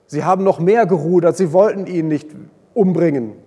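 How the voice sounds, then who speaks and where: A man preaching a sermon, retelling a Bible story with lively swings between loud and hushed delivery. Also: high-pitched, normal speed, slightly rough. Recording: long hall reverb.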